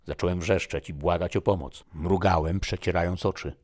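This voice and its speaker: Very deep, husky male storyteller. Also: steady tone, moderate pace, darkish tone. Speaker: narrator. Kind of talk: first-person story reading.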